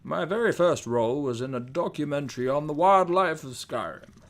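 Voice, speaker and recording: A man's voice: a little high, animated, moderate pace. A man playing a pompous giant spider actor. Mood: haughty. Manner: haughty, precise, theatrical. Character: pompous male giant frost spider, aspiring stage actor. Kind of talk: comedic mock interview.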